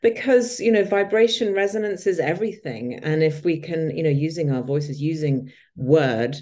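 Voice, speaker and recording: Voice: medium pitch, moderate pace, a little mellow. An interview host, chatting enthusiastically, riffing on the guest's ideas and giving frequent agreeing hums. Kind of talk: conversational interviewing.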